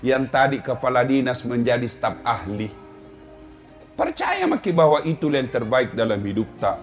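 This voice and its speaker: A man's voice: mid-range voice, big pitch swings, normal speed, soft background music. A middle-aged man preaching a humorous sermon in a Makassar Indonesian accent, telling jokes and speaking straight to the audience. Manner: joking storyteller, addresses audience directly.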